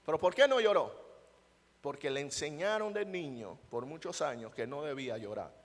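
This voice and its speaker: Preaching emphatically in church, a male pastor with a fairly high, expressive voice often asks his congregation rhetorical questions at a moderate pace. The recording carries long reverb from the church hall.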